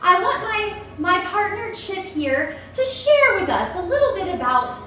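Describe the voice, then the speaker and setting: A woman's voice: very high-pitched, sing-song, measured pace, bright, forceful tone, exaggerated voice. A woman playing an earnest, alarmist local TV news anchor in a mock-serious, dramatic parody newscast. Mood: grave. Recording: very echoey room, distant mic.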